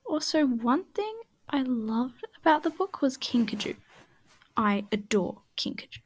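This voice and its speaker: A woman's voice: high voice, sing-song, measured pace, slightly rough. A woman chatting casually in a voice-over while she draws, rambling and often dropping to a half-whisper. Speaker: art channel creator.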